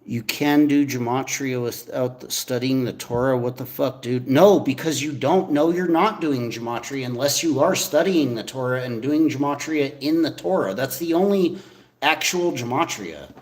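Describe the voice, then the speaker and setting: A man hosting a casual livestream, talking loudly and insistently to his viewers from a room with a strong echo. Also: medium pitch, moderate pace. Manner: loud, insistent, slangy. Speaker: livestream host. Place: echoey room.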